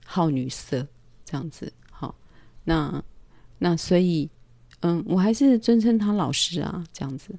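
Woman, casual storytelling, hesitant, mellow, dry sound. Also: on the low side, no echo. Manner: calm, hesitant, many pauses and fillers. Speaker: vlogger. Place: home.

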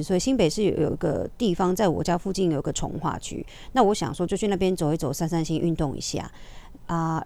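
A woman speaks in a lowish, warm, mellow voice. She is a Zumba instructor chatting casually with her viewers. Her delivery is confiding and talkative, sprinkled with little tag particles.

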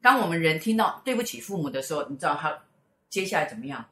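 Lively Taiwanese-accented woman in an echoey room. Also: sits low, quick pace. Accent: Taiwanese Mandarin. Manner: animated storyteller who acts out quoted speech. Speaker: host, mother. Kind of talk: casual storytelling chat.

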